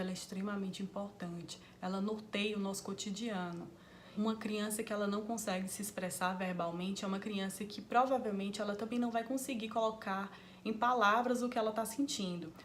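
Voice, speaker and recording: Calm Brazilian woman advising parents. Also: mid-range voice, a little hiss or hum. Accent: Brazilian Portuguese. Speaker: host of a parenting channel. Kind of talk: explanatory talk to camera.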